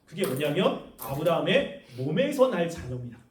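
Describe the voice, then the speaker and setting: Korean pastor preaching, lively high voice. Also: male voice, normal speed, recorded from a distance. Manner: asks the congregation questions and acts out quoted prayers. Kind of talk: sermon. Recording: echoey room, voice off the mic.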